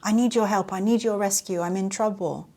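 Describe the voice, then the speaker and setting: A woman's voice: medium pitch, steady tone, a little fast, darkish tone, slight background noise, close to an everyday voice. A woman acting out a pleading adult in fake distress who begs over and over to be rescued.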